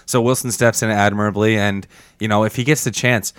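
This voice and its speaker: A man's voice: on the low side, steady tone, fairly quick, fairly bright tone, clean tone, no room sound, clean studio sound. A man co-hosting a fantasy football podcast, giving blunt opinions in casual chat. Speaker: podcast co-host.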